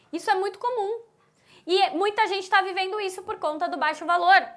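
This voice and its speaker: A woman teaching an online relationship mini course, speaking straight to her audience in an animated way and acting out what people say. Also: very high-pitched. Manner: animated, talks straight to the audience, acts out quoted voices. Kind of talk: lively live-class teaching.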